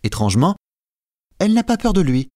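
Male narrator, measured storytelling read, dry close mic. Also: fairly high pitch, no echo. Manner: calm, measured reading. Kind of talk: scripted audiobook narration.

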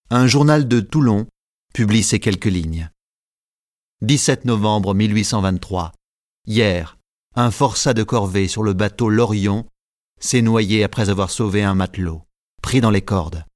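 A man narrating a story as an audiobook, in a measured, clear storytelling delivery. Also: fairly low pitch, no room sound, studio quality.

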